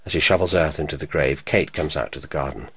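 A man narrating an audio description in a measured, neutral manner. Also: very deep voice, background noise. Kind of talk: scripted narration.

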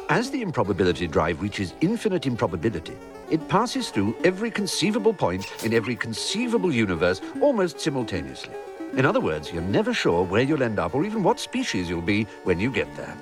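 An actor as an erudite guide narrator, reading scripted comic narration in a dry, articulate way. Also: male voice, medium pitch, distant mic.

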